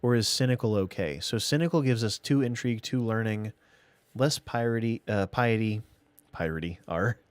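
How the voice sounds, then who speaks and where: A man's voice: medium pitch, moderate pace, smooth, no echo. A man streaming a strategy game live, thinking aloud and chatting casually to himself and viewers. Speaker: gaming streamer. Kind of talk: casual live gameplay commentary.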